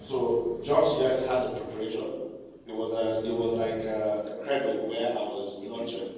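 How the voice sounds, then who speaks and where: A man's voice: on the low side, level tone, normal speed, dark tone. Man in his forties in echoey hall. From Nigeria. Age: 40s. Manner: reflective, frequent "you know" and restarts. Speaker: guest speaker, film producer. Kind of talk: storytelling talk to an audience. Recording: echoey hall from far off, noisy.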